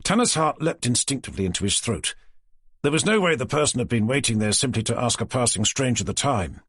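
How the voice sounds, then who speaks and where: A male narrator reading a thriller audiobook in a steady, measured way. His voice is husky and moves a lot in pitch, and the recording is close and dry. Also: dry recording.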